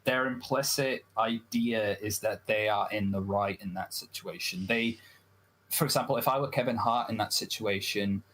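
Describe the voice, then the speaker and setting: A man debating on a livestream, talking in a hesitant, measured way and often restarting his phrases. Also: on the low side, a bit bright, slight background noise. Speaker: debate guest.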